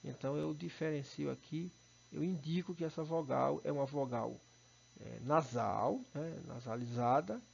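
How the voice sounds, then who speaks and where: Brazilian male teacher, slightly high gravelly voice, patient explainer, dull recording. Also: normal speed, a little mellow. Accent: Brazilian Portuguese. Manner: explanatory, checks in with students. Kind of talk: recorded online lesson.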